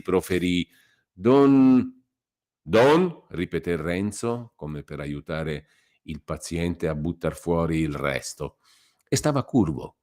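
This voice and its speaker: A man with a very low, deep voice reading a classic novel aloud for radio. His storytelling is measured and expressive, with a scripted narrator's steady delivery. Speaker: reader.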